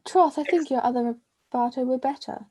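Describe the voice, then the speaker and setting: A woman's voice: sits high, moderate pace, mellow. A woman reading a teasing young waiting-woman. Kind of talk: amateur play reading online.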